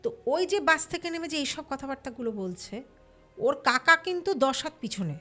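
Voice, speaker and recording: A woman telling a true ghost story casually, lively and acting out the people she quotes. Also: high-pitched, moderate pace, faint music behind. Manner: lively, acts out quoted voices. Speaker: storyteller guest.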